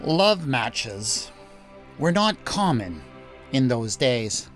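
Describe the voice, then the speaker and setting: Slow, measured male storyteller. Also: medium pitch, very animated, fairly bright tone. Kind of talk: scripted Bible story narration. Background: faint background music.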